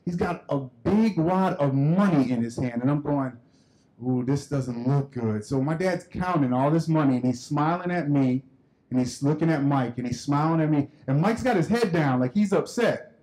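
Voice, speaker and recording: A man giving a keynote speech at a conference, telling a personal story in an animated way and acting out the dialogue. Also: fairly high pitch, normal speed, poor audio. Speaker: keynote speaker. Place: conference hall stage.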